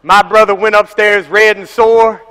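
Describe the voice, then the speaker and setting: Young guy pastor, sermon w lots of storytelling, bright tone, long church echo. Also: sits high, a little slow, clean tone. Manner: animated storytelling, acting out voices. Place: large church hall. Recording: echoey church hall.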